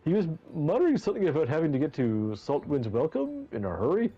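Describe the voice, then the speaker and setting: A man's voice: fairly high pitch, huge pitch swings, fast talker, slightly rough, lo-fi sound, exaggerated voice. A man voicing a shady, pushy food peddler in a fantasy game, with hammy, offhand bad acting. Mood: offhand, gossipy. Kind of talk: amateur dramatic game dialogue read-along.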